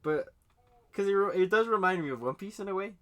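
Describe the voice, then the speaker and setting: A man's voice: high-pitched, animated, brisk, a crowd in the background. A man chatting casually about a manga arc, swearing freely, laughing often and acting out the characters' lines. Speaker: podcast co-host. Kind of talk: casual chat recapping manga.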